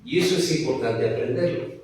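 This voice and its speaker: A man's voice: on the high side, fairly quick, a little mellow, far from the mic. Male pastor, storytelling sermon with rhetorical questions, very echoey church hall.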